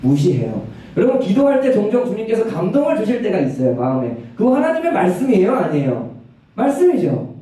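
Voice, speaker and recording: A young male preacher tells the story with energy and keeps asking his listeners questions. His voice sits high and swings widely, with a mellow tone. The sound echoes strongly around the church and comes from some distance off the mic. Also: brisk. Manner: animated storytelling, asks the congregation questions. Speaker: youth ministry preacher. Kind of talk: lively sermon. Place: church sanctuary.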